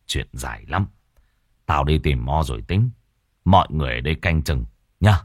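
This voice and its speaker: A man voicing a tired, gruff older village chief in a spoken ghost story. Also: expressive, moderate pace, dry recording, clean studio sound, exaggerated voice. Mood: weary. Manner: low, weary and gruff.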